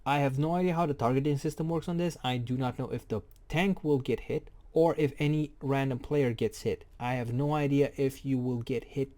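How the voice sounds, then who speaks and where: A man's voice: medium pitch, steady tone, a little fast, few pauses, mellow. A man casually explaining a game boss fight, rambling and jokey, often correcting himself. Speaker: game guide creator. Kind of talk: casual spoken game tutorial.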